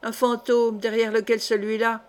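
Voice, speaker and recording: A woman reading a storybook performs a young clog-maker of peasant stock who becomes a fierce orator, pounding his charges at a silent crowd. The accusing speech starts solemn and builds loud, a little high, near everyday speech, fairly monotone, at a moderate pace.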